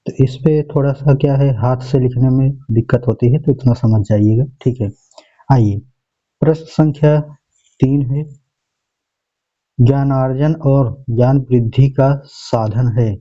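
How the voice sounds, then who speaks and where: A man's voice: mid-range voice, steady tone, a little slow, highs cut off. A male teacher going through an exam paper in a methodical way, reading out each option and checking in often with the class. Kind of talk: exam paper walkthrough lesson.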